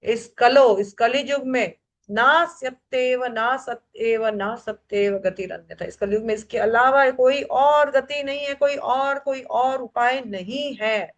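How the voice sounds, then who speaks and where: A devotional study group leader runs a scripture class, speaking emphatically and saying key phrases three times to drive points home. She mixes English words into her speech. Her voice is a little high and her pace slow.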